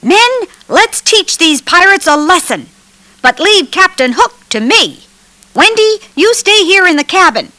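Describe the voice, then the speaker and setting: A woman's voice: very high-pitched, very animated, a little slow, voice pushed up, full character voice. Woman playing bold, cocky boy Peter Pan. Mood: commanding. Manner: bold and eager, shouts commands.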